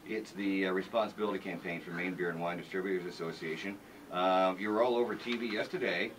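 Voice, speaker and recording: A lower-voiced man working as a morning radio DJ, bantering and a bit halting as he chats casually. He sits away from the mic, with faint noise behind him. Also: steady tone, far from the mic. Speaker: morning rock radio DJ and interviewer. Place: radio studio.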